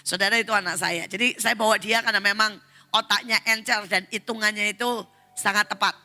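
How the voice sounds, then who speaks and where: Animated woman pastor, gravelly and bright. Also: mid-range voice, a little fast. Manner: animated storytelling, addresses congregation as saudara. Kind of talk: sermon with personal story. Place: large church hall. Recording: long hall reverb with faint music.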